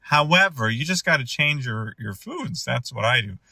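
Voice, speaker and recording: A man's voice: medium pitch, lively intonation, normal speed, bright, forceful tone, slightly rough, dry recording. A man delivering a rambling comedic monologue, often stopping and restarting his sentences with mock exasperation. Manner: rambling, self-interrupting, exasperated. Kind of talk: rambling stand-up style monologue.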